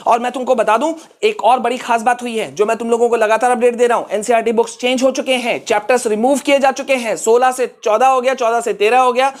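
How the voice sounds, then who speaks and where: A man runs a casual online lesson for students, talking them through each click on screen. He is chatty and encouraging and often drops in English phrases. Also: extremely high pitch. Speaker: online exam-prep teacher. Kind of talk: casual screen-share tutorial.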